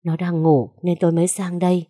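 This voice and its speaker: A woman's voice: fairly low pitch, little pitch movement, brisk, mellow, dry recording, studio quality, lightly acted. A woman voicing a grieving, tearful grandmother in a told story. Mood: sorrowful. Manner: weary, sorrowful.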